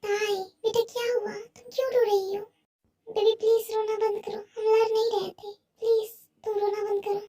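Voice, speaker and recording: A woman plays a worried middle-aged mother in a fan-dubbed audio drama, anxious and defensive. Her voice is very high and mellow, with a flat pitch. It is recorded from a distance. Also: moderate pace.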